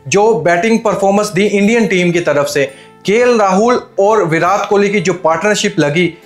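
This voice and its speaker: Young man with high voice breaking down a match. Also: normal speed, echoey room, soft background music. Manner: rhetorical questions, mixing in English phrases. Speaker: cricket commentator. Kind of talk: opinionated match analysis to camera. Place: indoor studio set with armchair. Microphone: lapel mic.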